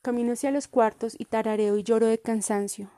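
A woman reading a first-person literary story in a calm, measured way. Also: on the high side, no room sound, studio quality. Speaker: reader.

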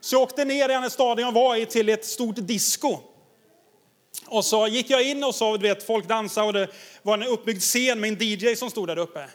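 A man preaching a sermon as pastor, enthusiastic and exhorting, laughing often as he tells stories. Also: high-pitched.

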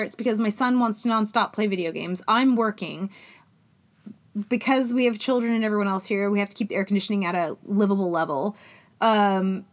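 A woman in her forties from Florida talks through everyday life on a casual podcast. She is wry and chatty and clears her throat now and then. Her voice sits at an ordinary middle pitch. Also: a bit bright. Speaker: podcast co-host. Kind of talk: casual chat.

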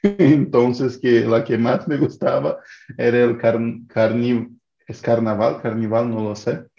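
A man's voice: medium pitch, steady tone, takes it slowly, vocal fry, warm tone. A man in his thirties from Brazil, speaking Spanish as a learner with a Brazilian Portuguese accent, hesitant and searching for words in a casual chat. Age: 30s. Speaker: participant in a language exchange call. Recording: dull lo-fi call audio, echoey room.

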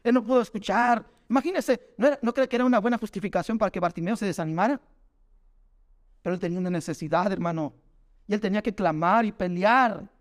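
Man preaching a sermon, high voice, calls on his congregation as brothers, rhetorical questions. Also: fast talker. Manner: keeps calling the audience "hermanos" and asks rhetorical questions.

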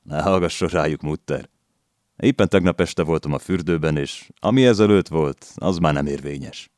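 A cocky young rogue, as a male narrator puts him on, cheeky and mocking, close to the reader's own deep voice. The read is dry and intimate. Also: a little mellow, no room sound.

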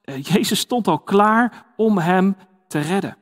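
A man's voice: high voice, expressive, slow pace, a bit bright, big-room sound. A man giving a conversational sermon, with many fillers and restarts. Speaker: preacher.

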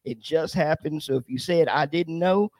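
A man hosting an online radio talk show, animated and laughing often, repeating his words as he talks. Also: on the high side, moderate pace, dry recording. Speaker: host.

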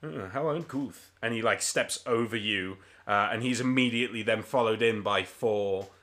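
Guy game-mastering a tabletop game, bright voice, lots of likes and ums. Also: lowish voice, steady tone, normal speed. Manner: rambling, filler-heavy description.

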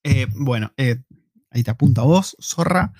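Speaking at a normal speed in a mid-range voice, this Argentine man hosts a relaxed live chat from his home desk mic, his Argentine Spanish accent clear. He jokes around, uses plenty of slang, and spins stories energetically. The sound is clean studio audio with no room sound.

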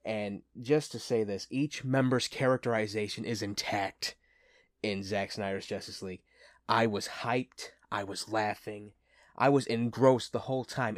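A man with a fairly low voice gushes like an excited fan as he hosts a casual movie review. The sound is dry and close, with no room echo. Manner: enthusiastic, gushing fan talk. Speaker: host of a movie review show.

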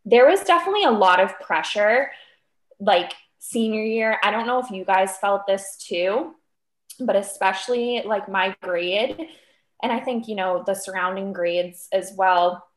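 Podcast guest: upbeat woman of 25 from Cape Cod, casual and filler-heavy, middle pitch, recorded in a reverberant room. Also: measured pace. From Cape Cod, Massachusetts. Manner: chatty, upbeat, with many fillers like "um" and "like". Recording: roomy echo.

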